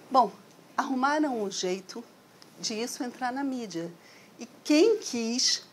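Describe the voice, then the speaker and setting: A middle-aged woman from Brazil speaks to a seated audience through a stand microphone, her voice sitting at an ordinary middle pitch. She talks in a chatty, reflective way and keeps checking in with her listeners. A faint hiss of room noise sits under the hall recording. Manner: conversational, reflective, frequent "né?" tags. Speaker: speaker giving a talk. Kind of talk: lecture to an audience.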